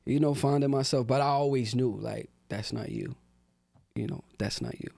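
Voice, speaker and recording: A young man from Newark, New Jersey, a rapper guesting on a podcast, speaks at a moderate pace in a creaky, husky mid-range voice with no room sound. His casual interview talk is relaxed street speech heavy with fillers.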